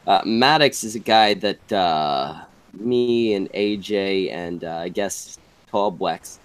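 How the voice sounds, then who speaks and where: A man hosting a podcast in casual chat, teasing his guests dryly with halting fillers. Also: deep voice, clear, resonant tone. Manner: dry teasing, hesitant fillers. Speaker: podcast host.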